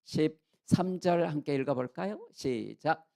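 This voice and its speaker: A male pastor preaching a sermon, telling the story in an animated way with sound effects and questions to the congregation. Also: a little high, unhurried, vocal fry. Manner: asks the congregation questions and leads shared reading.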